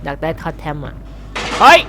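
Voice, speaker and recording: A man commentating a game playthrough, excitable and jokey, explaining English words. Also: brisk, over music. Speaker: game streamer. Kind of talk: let's-play commentary.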